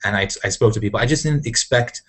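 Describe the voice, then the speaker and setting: A man from Syria hosting an online panel, talking in a halting way with many restarts. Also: medium pitch, fairly bright tone, slightly rough. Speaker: host of an online panel discussion. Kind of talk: casual live video discussion.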